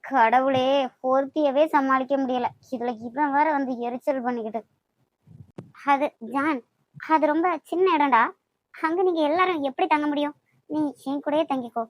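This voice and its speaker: A woman voicing a fussy, sharp-tongued young woman in a cartoon, with a Kanyakumari Tamil accent. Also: sits high, normal speed, natural voice. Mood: irritated. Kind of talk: amateur cartoon voice acting.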